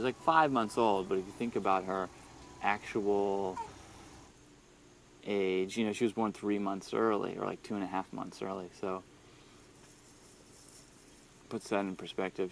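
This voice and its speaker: A man co-hosting a casual chat, laid-back and joking, with frequent chuckles. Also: on the low side. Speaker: podcast co-host; new father. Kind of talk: casual phone-style chat.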